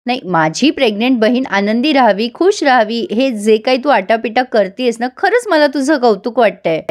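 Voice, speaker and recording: A calm, thoughtful young husband who talks things through gently, as a woman narrator reads him. The voice stays fairly high and even. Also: normal speed, close to an everyday voice. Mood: earnest. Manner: gentle, reasoning.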